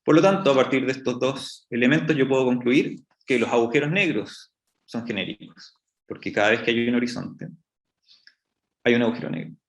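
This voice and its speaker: A man's voice: mid-range voice, fairly quick. Man lecturing in an echoey room. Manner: explanatory, many restarts and "entonces, bueno". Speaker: astrophysicist giving a public science talk. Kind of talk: public lecture.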